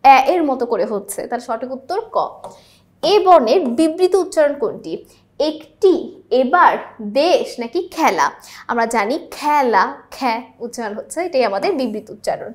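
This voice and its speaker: A young woman with a high, bright-pitched voice works through exam questions like a patient tutor. She keeps stopping to ask whether the listener follows before giving the answer. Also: lively intonation, moderate pace. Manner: checks in with rhetorical questions. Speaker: teacher. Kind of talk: exam-prep lesson explaining answers.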